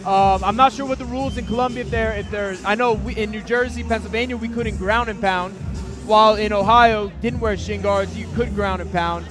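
A man's voice: high-pitched, fairly even intonation, a little fast, over music. An American man giving casual live fight analysis as a color commentator.

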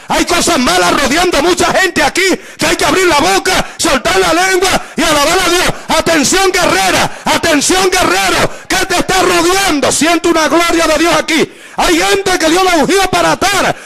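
A man's voice: very high-pitched, creaky, sharp tone. A male evangelist preaching at a church revival service, fervent and repetitive, calling out to the congregation. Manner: fervent, repetitive calls, bursts of speaking in tongues. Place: church service with music behind.

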